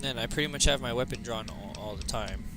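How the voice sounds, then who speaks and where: A man's voice: medium pitch, quick pace. A tired man casually commenting on his game as he plays, thinking aloud and reading out menu options. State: tired, yawning. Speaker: gaming livestreamer. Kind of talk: casual let's-play commentary. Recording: game music playing behind the voice.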